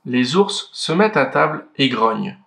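A man reading a children's story aloud, clear and expressive. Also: mid-range voice, moderate pace. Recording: roomy echo.

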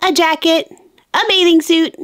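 A woman narrating and playing out a toy story in a lively, upbeat way. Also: extremely high pitch, normal speed. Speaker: toy video creator.

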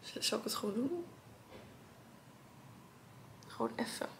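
A young woman with a Dutch accent chats to a camera held at arm's length in her apartment. Her voice sits slightly high and often drops into gravelly fry. Faint hiss hangs under the relaxed, rambling vlog talk. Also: a little slow. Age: young adult. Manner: chatty, relaxed, thinking aloud. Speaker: vlogger. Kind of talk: casual vlog chat. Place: apartment living room, indoors. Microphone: handheld camera at arm's length.

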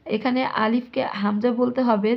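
A woman teacher with a Bangladeshi Bengali accent, slowly reciting letter sounds for young children with steady recitation and hesitant fillers. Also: fairly high pitch, vocal fry, muffled recording. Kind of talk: slow letter-by-letter lesson for children.

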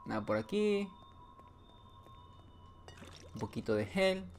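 A man's voice: medium pitch, sing-song, slow, soft background music. A man commenting his way through a horror video game, joking, talking back to the game and letting out sudden yelps. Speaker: gameplay streamer. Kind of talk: playthrough commentary.

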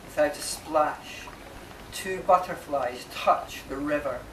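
A poet reads his own work aloud, a man with a fairly high voice who recites very slowly and pauses between short phrases. He's inside a marquee at a live reading, and a camera mic a few metres away picks him up, so the recording is distant, echoey and noisy, with clear background noise.

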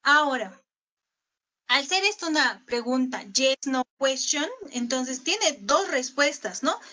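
A woman's voice: high voice, animated, slow pace, pushed and bright. A woman English teacher giving a recorded online class in Spanish, patient, often asking her pupils questions. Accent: Peruvian Spanish.

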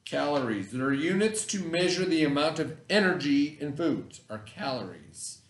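A middle-aged elementary school teacher gives a remote read-aloud vocabulary lesson to children from an indoor classroom, his voice on the high side and very animated at a moderate pace. He explains things simply, repeats key terms, and checks understanding with short tags. The recording is rough.

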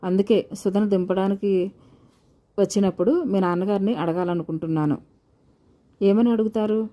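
A woman's voice: medium pitch, fairly even intonation, moderate pace, mellow. A woman reading a novel aloud, voicing every character in her own voice with a slight lift for the dialogue. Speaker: audiobook narrator.

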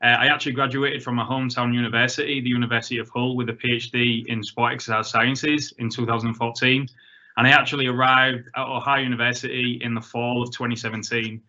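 A man's voice: medium pitch, level tone, fast talker, sharp tone. A man from England, introducing himself as a professor on a panel over a video call, with a few hesitant fillers. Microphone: video call webcam. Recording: muffled video-call audio.

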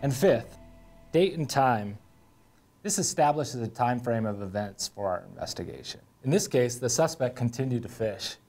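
A mid-range, slightly mellow male voice with lively intonation and a moderate pace delivers scripted instructions. The speaker is an American conservation officer in his thirties, indoors beside a whiteboard, with music playing behind him.

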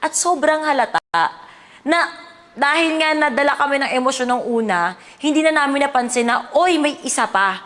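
Filipino woman interviewee, high voice, long reverb, deliberate recounting. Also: a bit bright.

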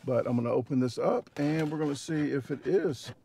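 A man's voice: medium pitch, a little fast, creaky, dark tone, slight background noise. A man in his forties with a Midwestern American accent, chatting casually to a dash-mounted camera in his parked car, rambling with lots of fillers and restarts. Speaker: vlogger and competitive eater. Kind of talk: casual vlog talk to camera. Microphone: camera mounted on dashboard.

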